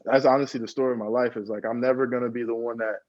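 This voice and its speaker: A man's voice: medium pitch, fairly even intonation, racing, no room sound. A young American man in his twenties, a football player being interviewed, telling his story in an earnest, reflective way, often saying "bro" and "man". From United States. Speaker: guest, pro football player. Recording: dull, lo-fi dry sound.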